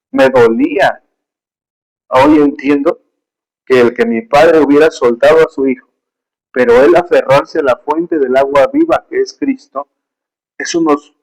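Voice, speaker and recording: A man's voice: mid-range voice, gravelly, a little mellow, poor audio. A man preaching a sermon with emotion and emphasis, telling personal stories, reading scripture aloud and calling his listeners brothers.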